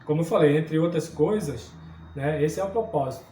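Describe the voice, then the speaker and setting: In a church room, a man from southern Brazil teaches a Sunday school Bible lesson, earnest and explanatory, often checking in with listeners through tag questions. His voice is higher and mellow, a little fast, picked up by a distant mic with roomy sound and slight hiss or hum.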